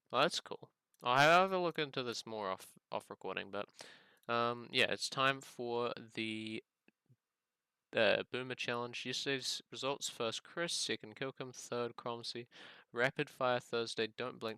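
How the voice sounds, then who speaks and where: A man's voice: medium pitch, unhurried, vocal fry, bright, forceful tone, clear, resonant tone, dry recording. A man chatting casually over gameplay as a streamer, musing aloud in a rambling way as he plays. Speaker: gaming content creator and live streamer.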